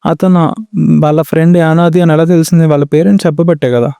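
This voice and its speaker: Male podcast host, calm and casual; smooth, warm voice, dry sound. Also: a little high, fast, no room sound. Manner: calm, mostly brief agreeing replies.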